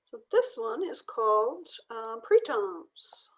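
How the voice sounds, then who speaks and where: A woman leading an online drawing class, explaining each step in a relaxed, chatty way while losing her voice. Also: fairly high pitch, slow. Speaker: art workshop instructor. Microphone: video call.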